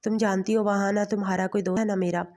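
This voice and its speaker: A woman's voice: mid-range voice, flat delivery, darkish tone, lightly acted. A woman voicing a stern young husband who scolds in hard, clipped sentences.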